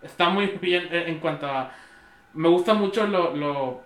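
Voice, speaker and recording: A man's voice: fairly high pitch, a little slow. A man, chatting as a podcast co-host, hesitant, with many fillers and false starts. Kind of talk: casual chat. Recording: echoey room.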